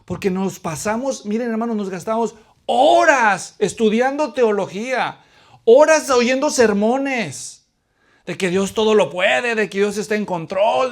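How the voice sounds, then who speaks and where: A man from Latin America preaching a sermon in a high voice. He puts questions to his congregation and answers them himself. His delivery swings between hushed pleading and loud emphasis.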